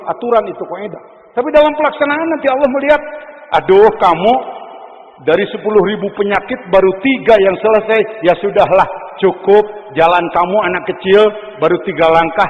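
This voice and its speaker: Older male preacher, high voice, teasing, swings loud to soft, long hall echo. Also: dull audio. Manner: wide swings from loud exclamations to low murmurs, teasing the audience. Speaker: Islamic preacher. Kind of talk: sermon.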